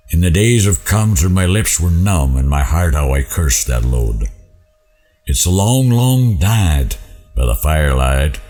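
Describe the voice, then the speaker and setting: A man recites narrative verse in a folksy cowboy drawl. His voice is very deep and rough with huskiness. The delivery is theatrical and highly varied, rising and dropping through each rhymed line like a seasoned storyteller. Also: a little mellow. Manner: dramatic storytelling with swelling and falling lines. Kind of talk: dramatic rhymed poetry recitation.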